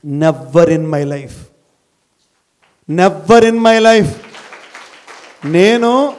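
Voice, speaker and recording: A middle-aged man from India, a school principal, giving an animated motivational talk to college students, firing rhetorical questions and repeating key phrases for emphasis. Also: sits high. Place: college gathering, addressing students.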